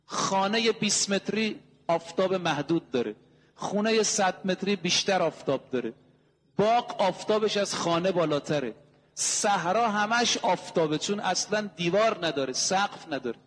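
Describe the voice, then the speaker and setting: High-voiced preacher in a reverberant hall. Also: male voice. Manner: rhetorical questions and emphatic lists. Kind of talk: sermon.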